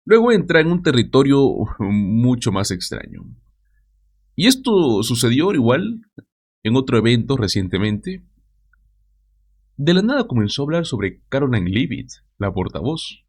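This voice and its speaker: A man's voice: mid-range voice, sing-song, measured pace. A man hosting a news commentary show, talking straight to his viewers with mocking asides.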